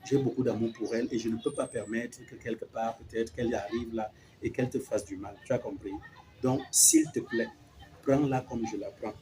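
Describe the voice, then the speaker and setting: A man's voice: sing-song, brisk, dark tone, close to an everyday voice, poor audio. A man playing a patient father who soothes his crying daughter and pleads with his harsh wife. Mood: gentle. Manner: soothing and pleading, switching into sudden high-pitched exclamations. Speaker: actor in a family skit. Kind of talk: scripted skit acting.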